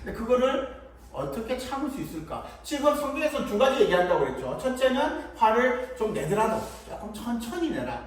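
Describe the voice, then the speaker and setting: Guy preaching to kids, quick and bouncy, acts stuff out, mic far off in an echoey room. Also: extremely high pitch, sing-song. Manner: playful, acts out little scenes. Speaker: children's preacher. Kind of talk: children's sermon. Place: church hall.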